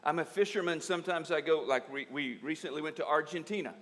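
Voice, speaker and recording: A man from the United States preaching at a conference, speaking in short phrases and pausing for an interpreter. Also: a little high, a bit bright. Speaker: pastor. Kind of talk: conference sermon with live interpretation. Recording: echoey hall with long reverb.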